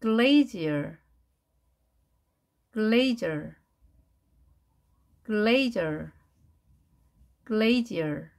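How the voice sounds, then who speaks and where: A Korean woman leads a pronunciation lesson, drilling each word again and again. She speaks slowly, and her pitch rises and falls in a lively way as she marks the stressed syllables. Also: gravelly. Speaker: English pronunciation teacher.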